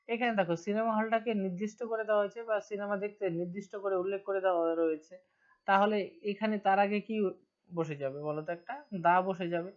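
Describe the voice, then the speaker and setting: A woman with a Bengali accent teaching English grammar in an online lesson, asking her students questions and answering them herself. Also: medium pitch. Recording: dull lo-fi recording.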